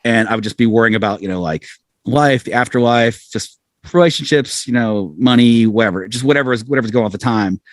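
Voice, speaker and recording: A lowish-voiced middle-aged American man, the frontman of a band, is interviewed as a musician guest. He talks casually, rambling and running himself down, in a dry recording.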